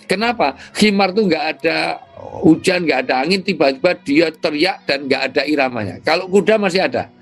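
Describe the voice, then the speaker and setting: A man, an Islamic cleric, explaining ideas in an interview with lively storytelling. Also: on the high side, brisk, faint music behind. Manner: lively storytelling with imitated sounds.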